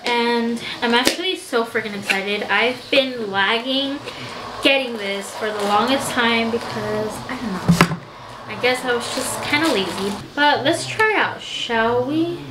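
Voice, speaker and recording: A woman's voice: on the high side, noisy background. A young woman in her twenties chatting casually to camera in a home vlog, upbeat and full of fillers. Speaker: vlogger. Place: home living room and bedroom. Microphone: camera on tripod.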